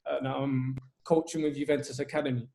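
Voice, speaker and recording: A man in his twenties from Albania, a football coach telling his story earnestly over a video call, with many pauses and restarts. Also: medium pitch, little pitch movement, gravelly, warm tone. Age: 20s.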